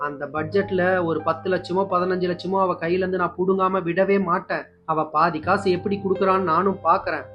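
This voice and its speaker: A man voicing a scheming, spiteful older aunt who coaxes and eggs her niece on, talking fast. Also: on the low side, close to an everyday voice. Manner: coaxing, spiteful. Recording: dull lo-fi with faint music.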